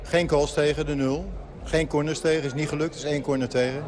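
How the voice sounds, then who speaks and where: A man, a football coach, giving a post-match interview outdoors, speaking deliberately with many hesitant pauses. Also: a little high, fairly even intonation, darkish tone. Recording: outdoor interview with crowd behind.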